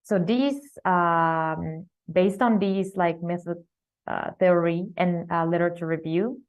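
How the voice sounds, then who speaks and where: A woman's voice: fairly low pitch, steady tone, slow. A woman giving an academic research presentation at a student conference, hesitant, with many fillers and restarts.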